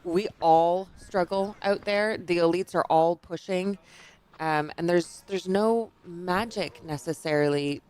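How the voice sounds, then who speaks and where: Low-voiced woman commentating a trail race. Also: a little slow, a little mellow. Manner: chatty, laughs often, draws on own racing.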